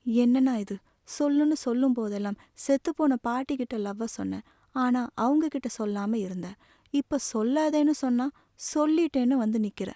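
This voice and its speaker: A woman's voice: a little high, normal speed, warm tone, dry recording, clean studio sound, close to an everyday voice. A woman voicing a caring, teasing teenage younger sister who questions her brother in a tearful, pleading way. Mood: upset, tearful.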